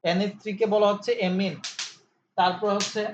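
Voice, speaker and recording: A high-pitched male chemistry tutor talks briskly but with flat delivery in an informal lesson. He asks questions, supplies the answers himself, and repeats key terms as drills. The recording sounds slightly dull and carries a faint hiss.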